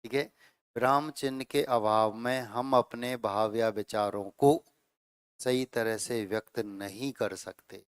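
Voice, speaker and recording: A middle-aged man teaching Hindi grammar to a class, explaining slowly, repeating phrases and checking in with his students. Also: mid-range voice, steady tone, clean tone, no room sound, studio quality. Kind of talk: classroom lecture.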